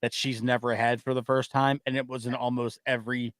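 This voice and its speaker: A blunt, opinionated man hosting a sports talk show, ranting about players and throwing in a curse now and then. His voice is mid-pitched. The sound is dry and close, with no room echo. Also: little pitch movement, a little fast, a bit bright. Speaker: host. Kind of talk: casual sports chat.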